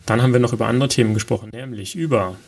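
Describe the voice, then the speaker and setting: A male podcast co-host chats casually in a rapid-fire, creaky, slightly mellow voice of medium pitch. He jokes at his own expense and fills his talk with lots of fillers.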